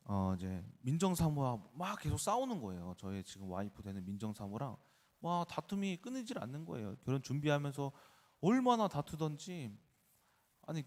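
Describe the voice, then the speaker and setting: A man's voice: medium pitch, a little mellow, big-room sound. A man in his thirties, a pastor, preaching an early-morning sermon in a conversational way, with personal stories and questions to the congregation. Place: church sanctuary.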